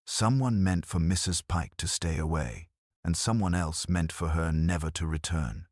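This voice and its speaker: A man voicing a gentle, shrewd elderly lady detective in an audiobook, speaking softly and politely. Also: low-pitched, normal speed, no echo, clean studio sound. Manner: soft, polite and probing.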